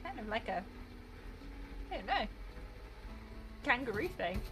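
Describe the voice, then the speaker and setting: A woman's voice: a little high, very animated, unhurried, music in the background, rough recording. Chatty British woman streaming a game. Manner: chatty, rambling, laughs often. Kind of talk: casual gameplay commentary.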